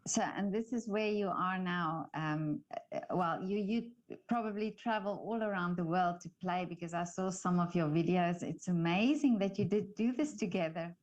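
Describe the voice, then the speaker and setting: A woman's voice: fairly low pitch, darkish tone. A woman interviewing two musicians, who hunts for her words and restarts her sentences often. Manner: halting, searching for words with many restarts. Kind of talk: conversational interview.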